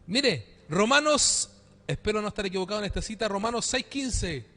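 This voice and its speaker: A man's voice: high voice, lively intonation, normal speed, sharp tone. A man preaching a sermon as pastor to his congregation, asking rhetorical questions and calling for amens. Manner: dynamic preaching, calls for amen, rhetorical questions. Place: church.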